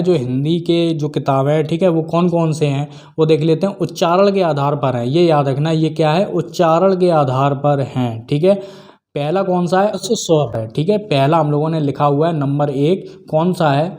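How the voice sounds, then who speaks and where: A man's voice: on the high side, normal speed, a little mellow. A man teaching an exam-prep grammar lesson, who keeps saying "theek hai" and asks and answers his own questions. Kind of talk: video lesson explaining grammar.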